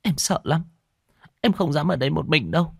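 A man's voice: a little high, expressive, normal speed, gravelly, a bit bright, slightly rough, no echo, studio quality, pitched above the performer's own voice, exaggerated voice. A man voicing a terrified young woman who stammers and pleads in panic. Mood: scared, sulky.

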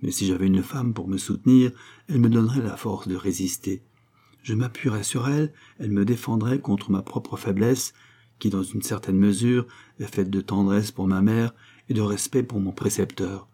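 A man's voice: on the low side, moderate pace, dark tone, husky. A man reading the part of a nervous young male count, an earnest suitor who pleads eagerly and lifts his voice as he talks.

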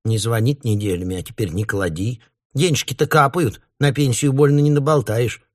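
A man's voice: mid-range voice, moderate pace, natural voice. A man voicing an older mother, a pensioner who fusses, scolds and teases her daughter. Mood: grumbling. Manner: fussy, scolding, teasing. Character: chatty grumbling older woman, a pensioner mother.

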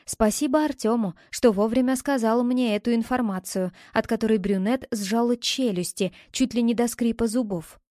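Female audiobook narrator, fairly high voice, steady expressive storytelling, dry and close. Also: normal speed, few pauses, no room sound. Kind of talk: first-person audiobook narration.

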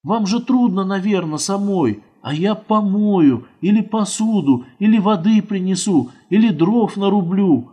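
A man's voice: sits high, expressive, unhurried, hardly any pauses, mellow, husky, pitched above the performer's own voice, full character voice. A man voicing an eager, pleading schoolboy. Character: pleading, fast-talking schoolboy.

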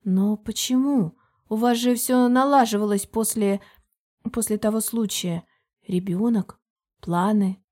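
A woman's voice: mid-range voice, unhurried, mellow, close to an everyday voice. A woman voicing an anxious young female friend who speaks in a worried, hesitant way.

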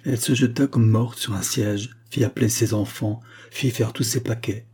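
Guy reading an old novel out loud, kinda husky, mellow dark tone, steady and even. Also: mid-range voice. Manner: measured, even storytelling delivery. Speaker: audiobook narrator. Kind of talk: scripted literary narration.

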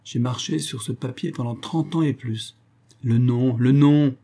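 A man's voice: mid-range voice, steady tone, a little slow, warm tone. A man reading an audiobook voices a greedy, spiteful old woman on her deathbed, wheedling and gasping. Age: older. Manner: wheedling, mercenary, cackling. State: dying, gasping out syllables.

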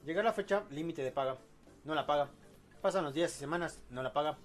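Podcast host, male, slightly higher voice, rambling joking delivery over faint music. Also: fast. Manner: rambling, joking, reads posts aloud. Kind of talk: casual live-show chat, reading audience posts.

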